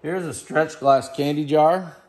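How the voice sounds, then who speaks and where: This middle-aged man's voice sits a little high, with fairly even intonation and a slightly slow pace. He enthusiastically chats through auction lots in a large warehouse room, praising the pieces, all captured on a handheld camera.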